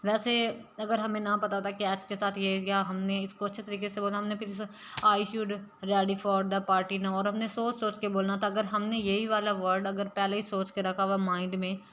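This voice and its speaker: A woman gives a spoken-English lesson at a middling pitch. She explains patiently, step by step, and drops English phrases into her sentences. A faint hiss sits under the recording. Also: little pitch movement, a little fast, few pauses, fairly bright tone. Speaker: English teacher.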